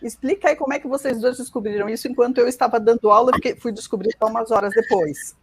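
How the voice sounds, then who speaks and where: A woman's voice: a little high, fast talker, slight background noise. A woman with a Brazilian Portuguese accent co-hosting a live chat, explaining things frankly. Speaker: co-host, teacher.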